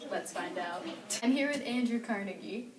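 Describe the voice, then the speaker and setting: A woman's voice: medium pitch, expressive, normal speed, very noisy, natural voice. A woman playing the host of an amateur parody show, presenting and questioning in a presenterly way. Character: female myth-testing show host and news anchor. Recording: echoey distant room recording under loud music.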